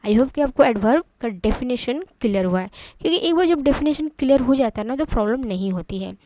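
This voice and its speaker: A woman with an Indian accent teaching English grammar in Hindi. She explains step by step, repeats key terms and reads English example sentences out slowly. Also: on the high side, expressive, dark tone, a little hiss or hum.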